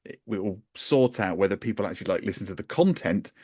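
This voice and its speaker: A man co-hosts a relaxed podcast in a slightly low voice. He rambles, trips over his own sentences and chuckles along the way, and his voice sounds dry and close to the mic. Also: fast talker, breathy edge, no room sound. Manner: rambling, self-interrupting, chuckling. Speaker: podcast co-host. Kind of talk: casual podcast banter.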